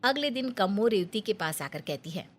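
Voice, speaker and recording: A woman narrating a storybook tale in a steady, plain manner. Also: medium pitch, normal speed.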